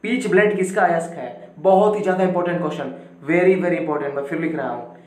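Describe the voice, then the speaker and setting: A man's voice: on the high side, brisk, echoey room. A man teaching an exam quiz lesson, going through questions and answers with emphatic, repeated reminders.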